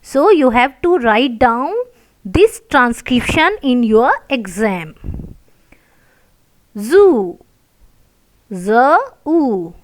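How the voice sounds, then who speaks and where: A woman's voice: a little high, sing-song. A woman teaching a phonetics lesson, sounding out words one sound at a time. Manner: slow, deliberate, repeats sounds one by one.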